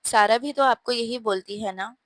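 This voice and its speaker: Woman doing innocent young girl, storybook, halting earnest speech, dry sound. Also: fairly high pitch, dry recording, lightly acted. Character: young woman raised abroad, innocent and playful.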